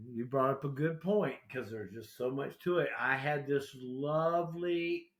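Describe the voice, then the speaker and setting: A man's voice: medium pitch, a little slow. A man in his sixties from South Carolina, telling his story as a guest in a casual, rambling way with lots of fillers. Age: 60s. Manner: animated, rambling, full of fillers. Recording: echoey room.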